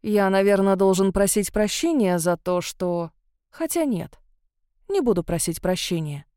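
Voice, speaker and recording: A woman voicing a confident young man who talks calmly and teasingly. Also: mid-range voice, a little slow, smooth, dry recording, studio quality, lightly acted. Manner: calm, self-assured.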